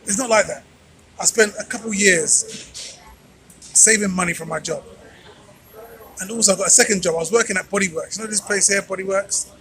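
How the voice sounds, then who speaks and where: A man with a high-sitting, bright, forceful voice speaks briskly but leaves long pauses, with a little hiss or hum in the recording. He's a vlogger and channel host delivering an informal motivational monologue to viewers on a street at night, preaching emphatically and using rhetorical repetition.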